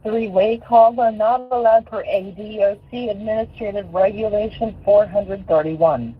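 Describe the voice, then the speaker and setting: A woman's voice: mid-range voice, moderate pace. A woman reading a formal recorded call message, heard through an automated phone system. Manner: even, formal announcement delivery. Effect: heard over a phone line. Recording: tinny phone line, faint hiss.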